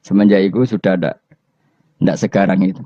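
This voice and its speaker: A man's voice: low voice, fairly even intonation, fairly quick, dark tone, slightly rough, no echo. A man with a Javanese accent giving a religious lecture, telling stories with rhetorical questions and chuckles. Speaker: Islamic preacher. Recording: dull, lo-fi dry recording.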